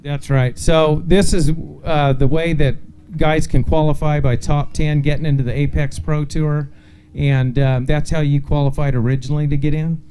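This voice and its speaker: A man with a fairly high voice works as the host of a live lakeside weigh-in. He announces heartily, stretching out names and numbers, then slips into casual interview chat. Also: level tone, normal speed, dark tone, a little hiss or hum. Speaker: host of a fishing tournament weigh-in.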